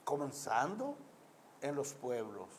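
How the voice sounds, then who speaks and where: A Dominican man with a Caribbean Spanish accent delivers political and social commentary to his audience, his medium-pitched voice swinging widely in pitch as he takes his time. He speaks emphatically, like an orator, stacking up repeated lists and posing rhetorical questions.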